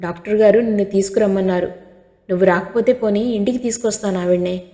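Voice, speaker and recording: A woman reading the part of a caring young daughter who coaxes her mother softly, with a long hall reverb. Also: medium pitch, fairly even intonation, fast talker, pitched above the performer's own voice, lightly acted. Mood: tender. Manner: soft, coaxing, pitying.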